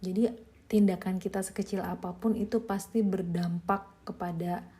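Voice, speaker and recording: Chatty young mother, mellow voice. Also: medium pitch, fairly even intonation, moderate pace. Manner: chatty, informal, lots of fillers, light laughs. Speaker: podcast host reviewing a book. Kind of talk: casual spoken book review.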